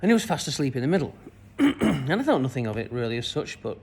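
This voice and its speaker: A man's voice: medium pitch, sing-song, fast, husky. A man, a spiritual coach, recounting a childhood memory in a loose, rambling way full of fillers. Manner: rambling, many fillers and restarts. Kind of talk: personal story told to camera.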